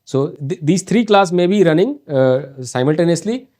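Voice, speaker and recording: A North Indian man, a coaching teacher, lectures on exam topics in accented English. His voice sits a bit high for a man, and he talks in a halting way, full of fillers and restarts. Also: lively intonation, mellow. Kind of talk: online exam prep lecture.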